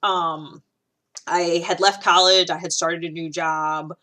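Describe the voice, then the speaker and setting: Speaking slowly with a steady, sharp tone and a fairly low pitch, this Ohio podcast host in her thirties chats her way through a personal monologue. She leans heavily on "like" and keeps restarting her sentences.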